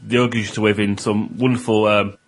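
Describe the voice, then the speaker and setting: Halting man explaining lore. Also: fairly low pitch, flat delivery. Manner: halting, many ums and uhs while explaining lore. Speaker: podcast co-host. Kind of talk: casual chat.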